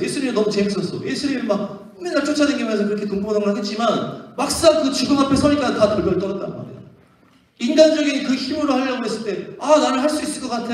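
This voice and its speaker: A man preaching a lively sermon to children at a winter camp, telling the story and putting questions to the kids. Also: extremely high pitch, recorded from a distance. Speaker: pastor. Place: church hall or camp venue. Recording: very echoey hall, off-mic.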